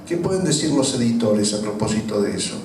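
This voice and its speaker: A man's voice: on the low side, animated, brisk, a little mellow. Man, Latin American accent, emphatic discursive questioner; distant, with faint background noise. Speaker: audience questioner at a panel. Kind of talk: discursive, argumentative public question. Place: echoey room at a public talk. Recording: echoey room, distant mic, faint noise.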